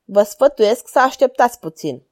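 A woman voicing a calm, self-assured male detective who speaks in measured, firm sentences while reading a story aloud. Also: fairly high pitch, no room sound, studio quality. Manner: measured, confident, firm commands.

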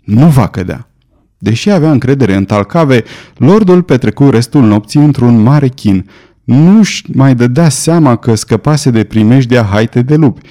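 A man narrating an adventure audiobook in a steady, measured reading. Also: medium pitch. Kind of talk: scripted narration.

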